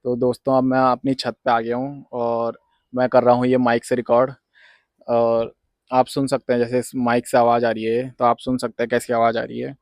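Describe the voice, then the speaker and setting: A man's voice: mid-range voice, completely flat delivery, normal speed, no room sound. A young man in a casual unboxing vlog, rambling and repeating himself as he reviews a wireless clip-on mic, mixing English words into his talk. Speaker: vlogger reviewing a microphone. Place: rooftop outdoors and indoors. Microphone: wireless clip-on mic and phone mic.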